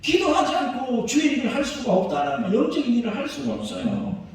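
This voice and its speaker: Guy preaching a sermon, pretty high voice, super echoey church, kinda far from the mic. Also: big pitch swings, fairly quick, a little hiss or hum. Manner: emphatic, asks the congregation rhetorical questions. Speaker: pastor. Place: church sanctuary.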